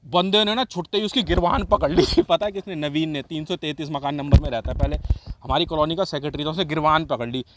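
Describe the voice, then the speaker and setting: A man's voice: a little high, quick pace, background noise. A man telling a crude neighbourhood story in casual profane chat, often breaking into laughter. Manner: laughs often, heavy swearing, quotes neighbours.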